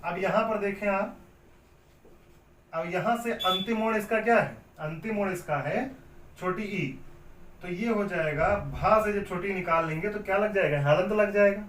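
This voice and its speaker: High-voiced man teaching in an echoey room. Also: measured pace, a bit bright, slight background noise. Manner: asks questions and answers them himself; repetitive, explains step by step. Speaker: Hindi grammar teacher. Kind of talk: classroom lecture at a board. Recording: echoey room, mic at a distance.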